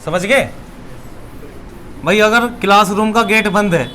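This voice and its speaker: A man's voice: sits high, measured pace, bright, forceful tone, low-quality recording. A man teaching a Hindi grammar lesson for exam preparation, explaining step by step and quizzing the listener with questions. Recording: faint background noise.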